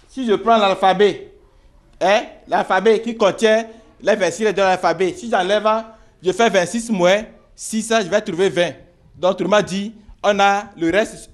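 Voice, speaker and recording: A man teaching a primary school reading lesson, spelling out syllables, repeating words and checking with the pupils as he goes. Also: high-pitched. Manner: slow, repeats words and syllables, asks "vous voyez?".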